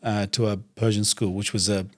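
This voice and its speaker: A young adult man from Iraq, a native Arabic speaker, talking as a guest in a studio interview in a thoughtful, measured way, often pausing to gather his words. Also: on the low side, flat delivery. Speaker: guest, doctor and reciter. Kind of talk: conversational interview.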